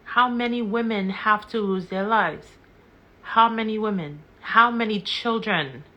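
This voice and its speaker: A woman's voice: medium pitch, measured pace, lo-fi sound. A woman giving impassioned commentary on a live stream, repeating words and questions for emphasis.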